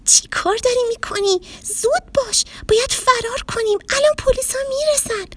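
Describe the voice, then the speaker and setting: Casting: woman playing a jumpy little boy, very high voice, urgent calls, storybook. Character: young boy, excitable and anxious.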